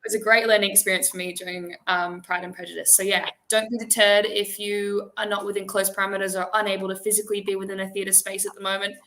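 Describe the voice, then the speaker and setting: Bright-voiced woman host over background noise. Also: medium pitch, level tone, quick pace, few pauses. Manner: encouraging, promotional. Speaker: interviewer and host. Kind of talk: upbeat hosted interview.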